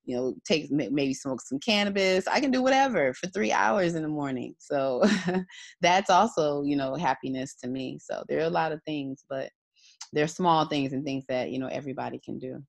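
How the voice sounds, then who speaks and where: A woman's voice: sits low, moderate pace, gravelly, dry recording. A woman in her thirties, talking as an interview guest in a reflective, rambling way with many fillers. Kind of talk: casual conversation.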